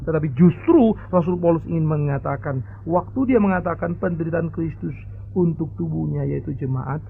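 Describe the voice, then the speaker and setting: A male pastor preaches in a lively way, with many exclamations and direct appeals to his listeners. His voice is high, gravelly and husky. The recording is narrow and phone-like. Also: slight background noise. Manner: lively, exclaiming preaching that often addresses the congregation. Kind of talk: sermon.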